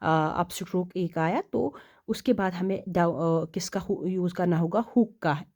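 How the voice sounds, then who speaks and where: Slow-paced woman teaching stenography. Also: fairly low pitch, darkish tone. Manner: slow, repeats questions and answers them herself; reads English rule text slowly and deliberately. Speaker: shorthand teacher. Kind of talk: classroom explanation.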